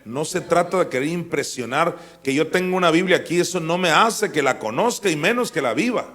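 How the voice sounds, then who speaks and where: A man's voice: on the high side, lively intonation, brisk, a bit bright. A man teaching the Bible verse by verse. He talks in a conversational way, asks his listeners questions and rises to emphatic peaks. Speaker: apostle teaching a Bible school.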